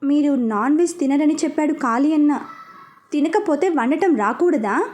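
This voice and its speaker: A woman's voice: sits high, animated, normal speed, darkish tone. A woman voicing a nervous, polite young male cook. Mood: jittery.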